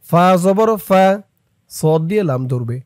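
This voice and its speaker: A man teaching Quran recitation letter by letter, chanting the verses in long drawn-out tones and explaining pronunciation between them. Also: a little high, animated, a little mellow, no echo. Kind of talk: slow tajweed lesson with spelled-out letters and recitation.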